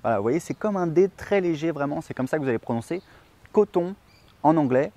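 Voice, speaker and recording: A young man whose first language is French gives a casual online pronunciation lesson, chatting with many fillers and saying example words slowly to demonstrate. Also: a little high, animated, warm tone. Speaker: English teacher.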